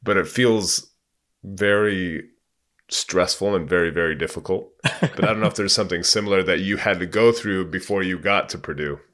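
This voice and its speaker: A man's voice: low voice, moderate pace, a bit bright. A man hosting a podcast who asks casual, rambling questions full of fillers. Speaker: podcast host. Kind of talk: conversational interview questions.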